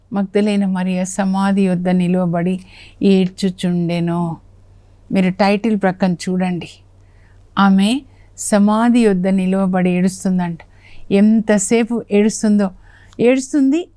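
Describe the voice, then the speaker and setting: A woman's voice: mid-range voice, fairly even intonation, measured pace, warm tone, dry recording. Chatty woman teaching scripture, dry sound. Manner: explains in a chatty way and acts out quoted lines with a raised, emphatic voice. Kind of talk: conversational Bible teaching on television. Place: television studio.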